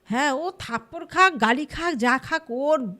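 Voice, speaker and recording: A woman telling a true ghost story casually, lively and acting out the people she quotes. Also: sits high, measured pace. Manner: lively, acts out quoted voices. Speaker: storyteller guest.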